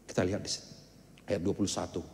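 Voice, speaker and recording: A male pastor with a Batak Indonesian accent, preaching a sermon as an animated storyteller who asks rhetorical questions. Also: deep voice, fast, vocal fry, long reverb tail. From North Sumatra, Indonesia.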